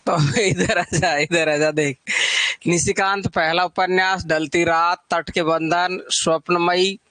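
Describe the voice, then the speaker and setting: Man, Hindi literature teacher, high voice, chatty and teasing, drills lists aloud, dry close sound. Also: level tone, slow, bright, forceful tone, no echo. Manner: chatty, teases students by name between repeated lists. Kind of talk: live online exam-prep class.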